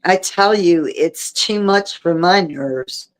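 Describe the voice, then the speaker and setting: A woman's voice: lowish voice, slow pace. A woman voicing a gloomy, superstitious older ranch woman in a storybook reading, declaring her words.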